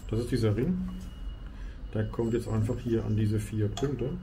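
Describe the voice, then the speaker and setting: A man's voice: on the low side, fairly even intonation, moderate pace, mellow. Chatty man vlogging from his motorbike. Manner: chatty, explaining hands-on. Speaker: motovlogger. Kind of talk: casual motorcycle vlog. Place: garage and riding outdoors on a motorcycle. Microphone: helmet camera mic. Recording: road and engine noise.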